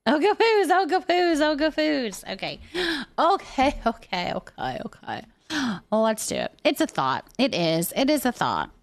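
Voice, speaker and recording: Her high voice swoops wildly in pitch, though she keeps a measured pace. The woman is a live streamer in a casual, rambling chat, giggling as she reads out and replies to what her viewers say.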